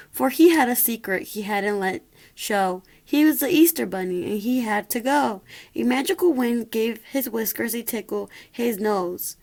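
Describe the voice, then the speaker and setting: A woman reading a rhyming children's story aloud expressively, occasionally stumbling over a word. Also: fairly high pitch. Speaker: storybook reader.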